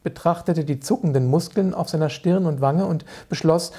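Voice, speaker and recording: A man, an author, reads calmly and vividly from a children's book. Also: a little high, normal speed, breathy edge. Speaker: author reading aloud. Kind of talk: reading a children's book aloud.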